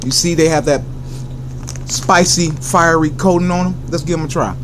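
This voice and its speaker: A man's voice: a little high, steady tone, normal speed, noisy background. An American man hosting a casual, enthusiastic food review, addressing viewers directly with catchphrases and answering his own questions.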